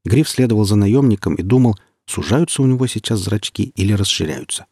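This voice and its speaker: A man reading an audiobook in an even, descriptive style. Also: lowish voice, fairly quick, husky, dry recording, clean studio sound. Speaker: audiobook reader. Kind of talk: scripted narration.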